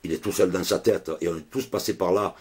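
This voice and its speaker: A man's voice: low voice, steady tone, fast, darkish tone, slightly rough. A man telling a rambling, chatty story to camera in a casual vlog, full of swearing and asides. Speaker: vlogger.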